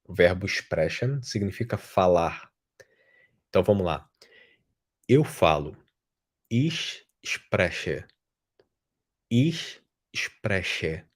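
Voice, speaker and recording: Slow, deep-voiced man teaching German. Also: lively intonation, breathy edge. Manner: slow, repeating each German form twice. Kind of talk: live online lesson, conjugation drills.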